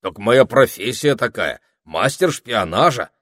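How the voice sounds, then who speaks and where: A man's voice: medium pitch, very animated, unhurried, fairly bright tone, dry recording, clean studio sound, voice pushed up. A man voicing a boastful, sneaky male toad spy who whines and wheedles. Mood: aggrieved. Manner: whiny, wheedling, cocky.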